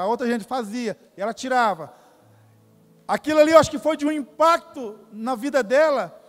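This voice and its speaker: A Brazilian man with a very high voice preaches in a church, and a long reverb tail trails his words. He speaks with a Brazilian Portuguese accent, emphatic and repeating phrases, calling the congregation "querido" ("dear").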